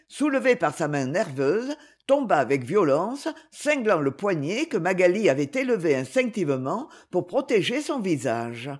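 A woman narrating a novel aloud in an expressive storytelling manner. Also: on the low side, breathy edge. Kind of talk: audiobook narration.

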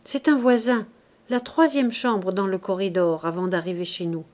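A woman's voice: mid-range voice, fairly even intonation, normal speed, darkish tone, close to an everyday voice. Woman doing a placating middle-aged man. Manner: soothing, trying to smooth things over.

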